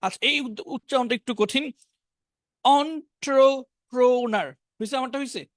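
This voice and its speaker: A man with a Bengali accent teaches an online spoken English class, slowly reading out English words and example sentences and giving each meaning. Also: extremely high pitch, sharp tone, dry recording, clean studio sound. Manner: reads word lists slowly, pairing each English word with its meaning.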